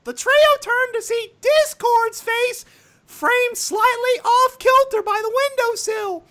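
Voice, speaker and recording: Squeaky, extremely high Mickey Mouse voice. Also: female voice, a bit bright, full character voice. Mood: squeaky narrating. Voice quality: strained, squeaky. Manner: squeaky Mickey Mouse-style falsetto, slow storybook delivery. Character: cartoon mouse, squeaky and cheerful, reading a story. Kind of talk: comic fan fiction read-aloud.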